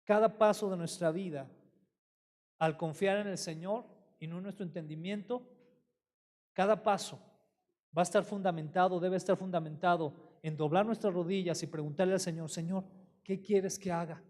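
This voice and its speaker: A male pastor preaching a sermon. He tells a story with lively emphasis and puts questions to his congregation. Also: high-pitched, moderate pace, in a large hall.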